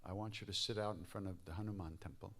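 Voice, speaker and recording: A man's voice: low-pitched, steady tone, fast talker, pushed and bright, voice pushed down, exaggerated voice. A man quoting an elderly male guru who gives a plain, matter-of-fact instruction. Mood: instructing.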